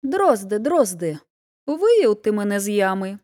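A woman's voice: mid-range voice, big pitch swings, a little slow, dark tone. A woman voicing a sly, hungry fox in a storybook tale, taunting and demanding with threats. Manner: taunting, bullying questions. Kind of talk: storybook reading.

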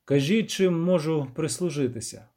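Male reader as steady, polite monster hunter, even and patient. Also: on the high side. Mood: calm. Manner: calm, measured and polite.

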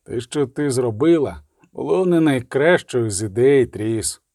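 A calm male warrior answers in few, quiet words, voiced by an audiobook narrator. The voice is mellow and close to the reader's own. The sound is dry. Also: medium pitch, measured pace, no room sound.

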